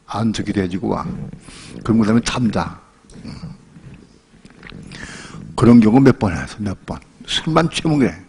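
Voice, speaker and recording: An older male pastor preaching a sermon in a relaxed, colloquial way, telling a personal story and acting out the voices in it. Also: on the low side, normal speed, long pauses, slight background noise. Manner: colloquial storytelling, acts out quoted voices and laughs often.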